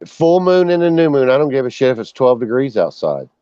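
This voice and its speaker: A man's voice: medium pitch, big pitch swings, fairly quick, warm tone, clear, resonant tone, no room sound. A man on a group call talking fishing, emphatic and cursing freely, who keeps asking "you know.". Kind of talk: casual group chat. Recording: dry, dull lo-fi call audio.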